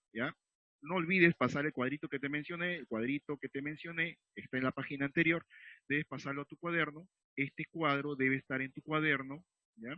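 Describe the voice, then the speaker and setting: A man teaching a recorded class, his voice set a little high for a man. He explains patiently and keeps checking in with the listener every few phrases. The recording is dry and somewhat dull, with little high end. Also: no room sound. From Peru. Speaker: secondary school teacher. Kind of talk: recorded remote class lesson.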